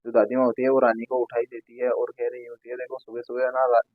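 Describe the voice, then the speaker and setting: A man casually recaps an episode of a TV serial, rambling with plenty of fillers and restarts. He talks fast in a monotone, medium-pitched voice, and the dry recording sounds tinny, like a phone.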